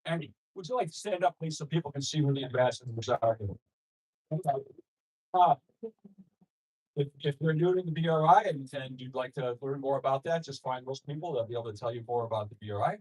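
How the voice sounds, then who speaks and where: A man from Rochester, New York, emceeing a member dinner as association president, joking loudly and rallying the room. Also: medium pitch, brisk, breathy edge, rough recording. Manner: jokey, loud, rallying a room. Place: banquet hall at a dinner meeting.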